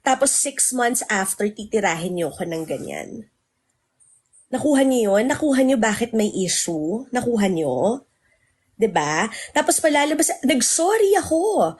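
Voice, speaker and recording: A high-pitched woman vents on a livestream in a husky, breathy voice. She is indignant and heated, and openly very emotional as she flips between Tagalog and English. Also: a little mellow. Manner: self-described very emotional.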